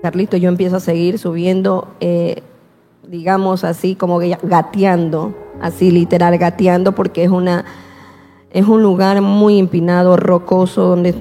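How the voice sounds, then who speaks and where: A woman telling her personal testimony slowly and with emotion, often repeating herself and quoting her prayers. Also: fairly low pitch, flat delivery, warm tone, in a large hall, soft background music.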